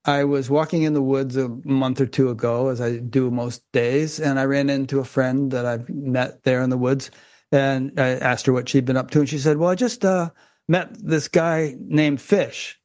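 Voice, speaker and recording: A man hosting a conversational interview over a video call, relaxed and measured with a dry sense of humor. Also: medium pitch. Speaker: podcast host.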